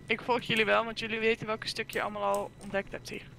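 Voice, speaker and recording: A woman's voice: on the high side, little pitch movement, fast talker, creaky, sharp tone, a little hiss or hum. A woman chatting casually while playing a game with friends, explaining things in a chatty way. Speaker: gamer. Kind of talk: casual gameplay chat.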